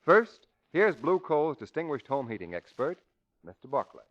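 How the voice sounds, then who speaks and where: A 1940s radio announcer with a slightly high voice delivers a formal, emphatic scripted sales pitch, very animated and at a moderate pace. The broadcast sounds old and muffled.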